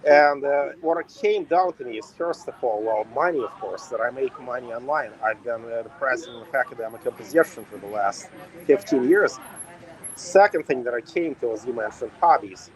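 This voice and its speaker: A man's voice: mid-range voice, normal speed, low-quality recording. A middle-aged man from Russia hosting a casual chat outdoors, talking emphatically in repeated lists. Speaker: host.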